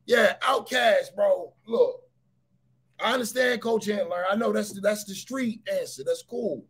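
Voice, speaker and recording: Husky, animated man hosting a livestream. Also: high voice, measured pace. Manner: animated, emphatic, repeats phrases and shouts points. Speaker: livestream host. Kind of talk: casual livestream chat with viewers.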